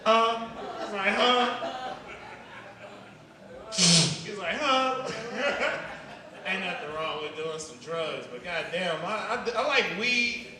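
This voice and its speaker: A man performing a stand-up comedy set on stage, rambling loosely between bursts of loud emphasis. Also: high-pitched, animated, measured pace, a crowd in the background. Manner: loose, rambling delivery with sudden loud outbursts. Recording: roomy, distant live club recording with noise.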